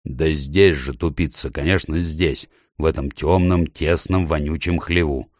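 Man doing surly stubborn dwarf, growling, gruff and low, dry sound. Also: measured pace, no room sound. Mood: grumbling. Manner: growling, snapping. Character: grumpy suspicious male dwarf, stubborn and rude.

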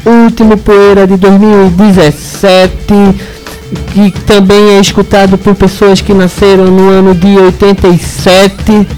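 High-voiced laid-back radio co-host man. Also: level tone, measured pace, faint music behind, poor audio. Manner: laid-back, laughing, sends shout-outs. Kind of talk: casual radio chat.

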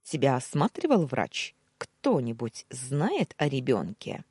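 A woman voicing a ruthless older man, the husband's greedy uncle, who talks gruffly and barks orders. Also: rumbling low, wildly swooping pitch, slow pace, a little mellow, dry recording, studio quality, heavily acted. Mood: scheming.

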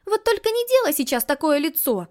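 A woman reading a passionate young heroine, blunt and impatient, with a high voice pushed upward in emphasis. She speaks straight out and presses every point. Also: animated, takes it slowly, a little mellow. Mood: exasperated. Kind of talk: audiobook dialogue reading.

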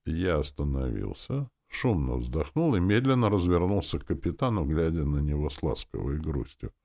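Deep-voiced man narrating an audiobook. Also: animated, moderate pace, vocal fry, dark tone.

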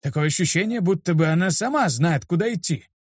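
A man voicing a grumpy old male mage with a creaky, gruff voice, in a dull, dry lo-fi recording. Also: sits high, lively intonation, a little fast, dry recording, voice pushed up. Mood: lecturing. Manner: gruff, scolding.

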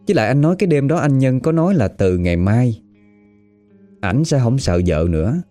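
A man with a Southern Vietnamese accent telling a story in a lively, conversational way. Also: mid-range voice. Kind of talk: spoken storytelling.

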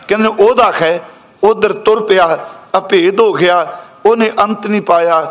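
A man delivers a katha sermon in a notably high voice. He teaches patiently, pausing to repeat each key phrase slowly before explaining it. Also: a bit bright. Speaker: Sikh preacher giving scripture exposition.

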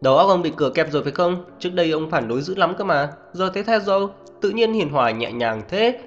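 A man voicing a sharp-tongued, hostile middle-aged mother who scolds harshly. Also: brisk, close to an everyday voice. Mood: scolding. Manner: shrill, scolding. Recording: muffled reverberant audio, faint music.

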